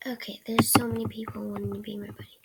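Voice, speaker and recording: A sick teenage girl who's losing her voice hosts a gaming channel, offering hesitant, rambling commentary as she plays on her computer. Her voice is mid-range and level, and she talks fast, often trailing off into soft mumbles. Picked up by a computer mic during screen recording, the audio carries loud background noise and clicks.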